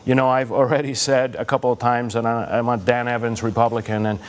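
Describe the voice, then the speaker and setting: A man's voice: medium pitch, level tone, fairly quick. A man from Cuba answering a debate question in an earnest, personal way. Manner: earnest, personal, some hesitation. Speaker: debate candidate.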